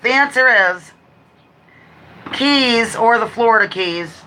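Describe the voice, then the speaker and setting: A woman hosting a casual live stream, chatting quickly and reading out trivia questions with rambling, apologetic asides. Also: fairly high pitch, lively intonation, background noise. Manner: talks quickly. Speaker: livestream host running a trivia quiz. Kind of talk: casual live chat with read-out quiz questions.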